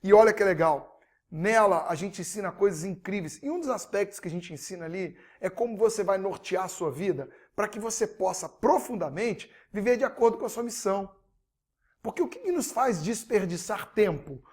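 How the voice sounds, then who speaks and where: A man giving a motivational webinar talk as a behavioral coach, energetic and speaking straight to his audience. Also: sits high, moderate pace. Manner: energetic, addresses audience directly, swings between soft and loud.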